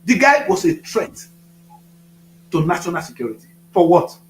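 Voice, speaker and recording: A Nigerian man in his fifties, a studio guest, talks passionately about politics in a high voice with big pitch swings at a normal pace. The sound is roomy. He is preachy and emphatic, repeating phrases for effect.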